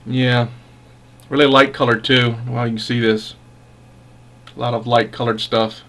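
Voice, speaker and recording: A man giving a casual product review as a pipe tobacco reviewer, musing in an unhurried, halting way with savoring enthusiasm. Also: medium pitch, level tone, fairly bright tone.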